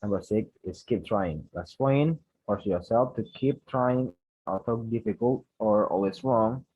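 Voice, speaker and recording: A young man from Indonesia with an Indonesian accent, a student giving a class presentation, reading prepared points haltingly and correcting himself. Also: lowish voice, breathy edge, no echo, dull audio. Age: young adult.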